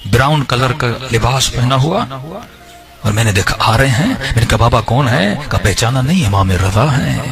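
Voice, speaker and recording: A man telling a religious story with rising emotion, voicing the people in it as he goes. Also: mid-range voice.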